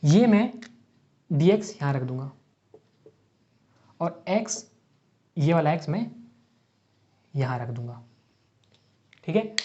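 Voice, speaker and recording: A man's voice: a little high, sing-song, slow, long pauses, warm tone. A man teaching a physics lecture, working steps on a board while asking and answering his own questions and mixing in English math terms. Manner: asks rhetorical questions and answers them step by step. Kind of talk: exam-prep lecture worked on a board. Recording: dull lo-fi sound.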